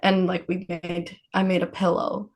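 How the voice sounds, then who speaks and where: A Palestinian woman, a podcast guest, tells personal stories in a casual, informal way and laughs frequently. Her voice is fairly low and a little mellow, unhurried, with a completely flat delivery.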